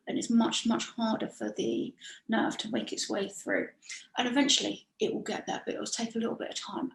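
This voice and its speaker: A woman's voice: a little high, creaky. A woman, talking as an interview guest, chatty and full of analogies and repetition, heard over a video call. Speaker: guest expert. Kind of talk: explanatory interview talk. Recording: echoey room.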